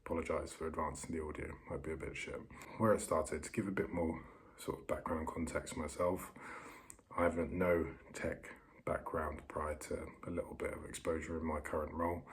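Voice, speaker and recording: A man speaks in a very deep register with little melody, keeping his voice hushed. He talks casually and a little self-consciously, like someone recording a vlog quietly so the people nearby won't hear. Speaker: vlogger documenting learning to code. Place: upstairs bedroom in a holiday home.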